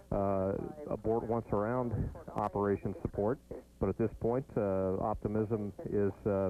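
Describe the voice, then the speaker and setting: Low American male announcer on thin line. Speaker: mission control commentator. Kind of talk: scripted live commentary. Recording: thin phone-like broadcast line.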